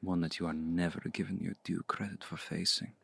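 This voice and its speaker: Using a full character voice with fairly even intonation, a man portrays a seductive, commanding vampire in an intimate ASMR roleplay. He speaks in a low, gravelly, breathy tone, slow, deliberate, and hushed, often near a whisper, coaxing the listener. The recording is dry and close-miked.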